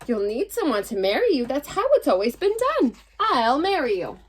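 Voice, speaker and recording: A woman's voice: sits high, sing-song, normal speed, husky, full character voice. A woman voicing a bossy, fussy cricket in a picture book, insistent about tradition. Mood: officious. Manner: insistent, officious.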